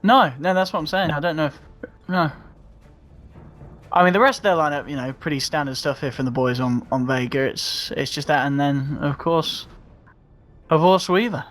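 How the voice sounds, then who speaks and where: A man's voice: a little high, normal speed, a bit bright, faint music behind. A man co-commentating a live esports match, laid-back and joking, often restarting his sentences.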